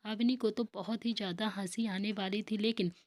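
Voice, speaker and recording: A woman reading aloud a serialized family story in a steady storytelling manner. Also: medium pitch, a little fast, no room sound. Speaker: narrator.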